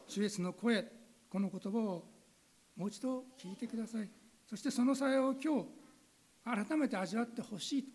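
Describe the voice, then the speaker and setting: A woman's voice: a little high, warm tone, a little hiss or hum, low-quality recording. A woman pastor giving an earnest sermon that asks her listeners direct questions, then leading a spoken prayer.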